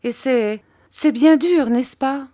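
A woman doing a high, whining young mother. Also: lively intonation, unhurried, warm tone, no room sound, clean studio sound. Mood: petulant pleading. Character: young fretful mother, petulant and weepy.

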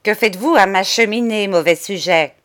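A woman voicing a spiteful, miserly older woman who scolds in shrill, furious outbursts. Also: moderate pace, background noise, natural voice. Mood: furious scolding.

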